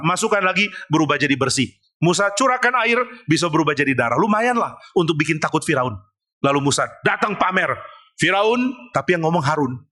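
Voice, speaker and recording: A male pastor preaching with humor, retelling a story and slipping into little acted dialogues. His voice sits somewhat high and sounds bright and forceful. The talk is animated and full of storytelling. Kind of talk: sermon. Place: restaurant hall.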